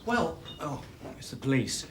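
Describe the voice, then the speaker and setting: A man's voice: on the high side, big pitch swings, measured pace, background noise. An actor playing a flustered, hesitant young man questioned by police in a 1990s British drama.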